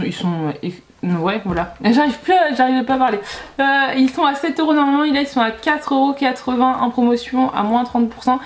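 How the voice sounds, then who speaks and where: A woman's voice: medium pitch, noisy background. A woman talking casually to camera in a beauty unboxing vlog, chatty and rambling, often hesitating and correcting herself. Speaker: beauty YouTuber.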